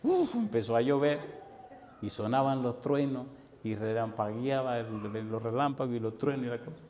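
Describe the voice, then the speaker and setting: A man's voice: medium pitch, expressive, moderate pace, a little mellow, a little hiss or hum. Male pastor telling a story in an echoing church. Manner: dramatic storyteller, speaks directly to the congregation. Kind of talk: sermon with personal storytelling. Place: church hall. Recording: reverberant church hall with faint ambience.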